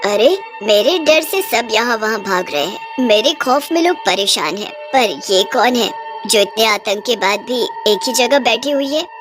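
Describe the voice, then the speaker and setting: A woman's voice: on the high side, expressive, unhurried, pitched below the performer's own voice. A woman voicing a hungry cackling witch. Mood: scornful. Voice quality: gloating, cackling. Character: hungry menacing female witch, later remorseful. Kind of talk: storybook cartoon voice acting. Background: music.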